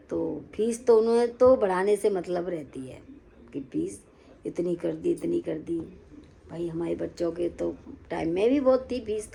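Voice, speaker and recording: A woman's voice: on the low side, gravelly, dark tone, slight background noise, poor audio. A middle-aged woman chatting casually to viewers in a home vlog, speaking to them as friends and family. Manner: chatty, addresses viewers as sister and brother. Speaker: home vlogger.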